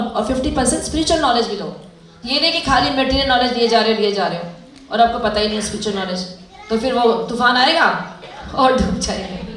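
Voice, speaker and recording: A woman leads a devotional seminar, telling stories and asking her listeners questions. Her voice sits a little high. It is recorded from a distance in a strongly echoing lecture hall. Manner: storytelling, asks the audience questions. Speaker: speaker at a youth seminar. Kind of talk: devotional talk to young women. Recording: echoey hall, mic far off.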